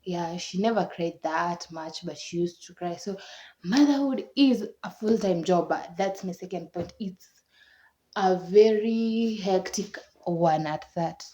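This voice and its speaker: A woman's voice: fairly low pitch, measured pace, mellow. A young Kenyan woman chatting casually to camera, laughing often and repeating words for emphasis. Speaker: vlogger. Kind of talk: casual chat. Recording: dull lo-fi recording.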